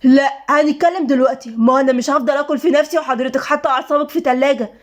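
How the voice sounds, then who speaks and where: A woman's voice: sits high, fast, darkish tone. A woman with an Egyptian accent voicing a jealous, hot-tempered young husband in a storybook reading, speaking angrily. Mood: angry. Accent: Egyptian Arabic. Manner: angry, demanding.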